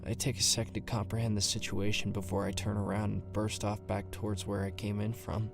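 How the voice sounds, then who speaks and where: Playing a nervous young man who survived, an actor narrates a first-person audio drama in a tense, hushed way, sounding uneasy. His voice is fairly low, level, brisk and creaky, and he speaks over music.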